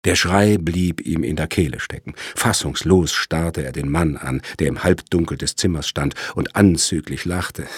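A male narrator reading a crime story with dramatic, measured delivery. His voice is very low and husky. The recording is dry and close, with no room sound. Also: dry recording.

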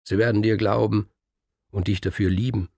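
A man voicing a harsh, defiant working man in a spoken story, talking in a forceful, insistent way. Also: fairly low pitch, steady tone, normal speed, creaky, no room sound, studio quality.

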